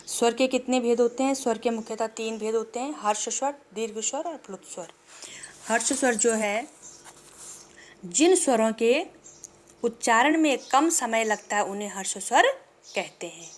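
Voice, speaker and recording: A woman teacher giving a grammar lesson to schoolchildren. She explains patiently and poses questions that she answers herself. She stretches out vowel sounds slowly as examples. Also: a little high. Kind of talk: classroom lesson to children.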